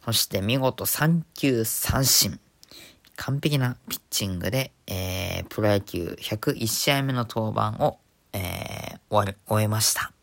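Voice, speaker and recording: A man hosts his own casual talk show, keeping his voice low because it is late at night. He rambles with many fillers and giggles now and then at his own jokes. It is recorded indoors on a phone. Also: measured pace, gravelly. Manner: hushed, holding back volume for a late recording. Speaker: podcast host. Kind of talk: casual solo radio talk.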